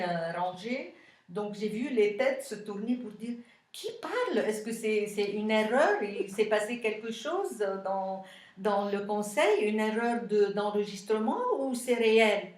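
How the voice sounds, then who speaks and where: A woman from Lebanon with a Lebanese accent, answering interview questions as a city councillor, thoughtful and pausing often. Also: mid-range voice, darkish tone, echoey room. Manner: thoughtful, many pauses and hesitations.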